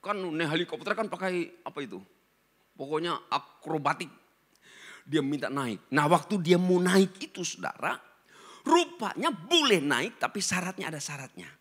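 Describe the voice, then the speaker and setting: A male pastor preaching a sermon and telling stories, swinging between loud emphasis and hushed asides. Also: high-pitched.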